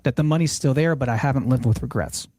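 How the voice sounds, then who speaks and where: A man's voice: mid-range voice, fast, darkish tone, no echo. A man hosting a finance podcast, explaining retirement planning in a casual, earnest way and often restating a point to reframe it. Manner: earnest, explanatory, repeats phrases when reframing. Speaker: financial planner, show host.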